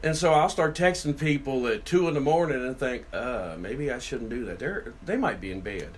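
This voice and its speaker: With a medium pitch, lively intonation and moderate pace, this middle-aged man co-hosts a laid-back chat podcast. The Virginia city councilman tells meandering, folksy stories in a voice that carries.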